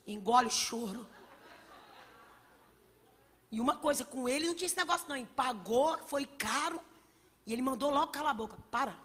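A woman preaching a sermon with passion, swinging between shouts and hushed asides, in a church hall. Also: high voice, animated, a little fast, pauses often, slightly rough. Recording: long reverb of a large hall.

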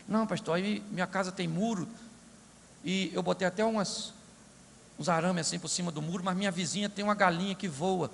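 A man's voice: high-pitched, brisk, creaky, a little hiss or hum, voice pushed down. A man voicing a fretful church sister who pleads with her pastor in a whiny voice, repeating herself, in a reverberant hall. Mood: pleading.

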